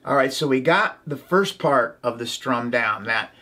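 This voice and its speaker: Speaking with lively intonation at a measured pace, a medium-pitched man runs an instructional ukulele tutorial. Ukulele plays behind him while he announces chords, calls strums, and chants rhythm syllables.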